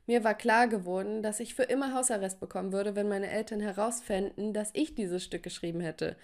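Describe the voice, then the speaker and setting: A woman's voice: mid-range voice, fairly even intonation, fairly quick, gravelly, darkish tone. A woman telling a first-person story in a dramatic style, with sighing exclamations, over faint music. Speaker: narrator.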